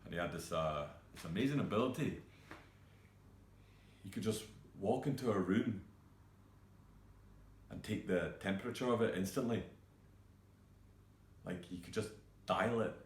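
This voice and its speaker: An actor playing a grieving young male cook who talks in a halting, hesitant way full of fillers. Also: sits low, expressive, echoey room. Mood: subdued. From Scotland. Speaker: actor performing a monologue. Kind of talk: self-tape monologue.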